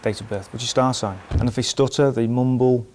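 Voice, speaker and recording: A man police officer calmly explaining methods in an interview. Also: mid-range voice, a little fast, slight background noise. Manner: calm, explanatory.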